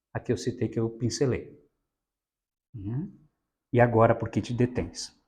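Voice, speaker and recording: A man's voice: medium pitch, darkish tone. A man giving an explanatory spiritist Bible talk, often adding "né?" to check in with listeners. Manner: explanatory, frequent tag "né?". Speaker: lecturer at a spiritist center.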